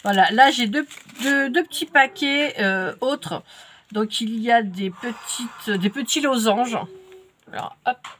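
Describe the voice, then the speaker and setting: A woman's voice: on the high side, slow pace, a bit bright, a little hiss or hum. A woman with a French accent and a stuffy nose from a cold, chatting casually as she unboxes craft kits. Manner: chatty, many fillers and restarts. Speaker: crafts vlogger.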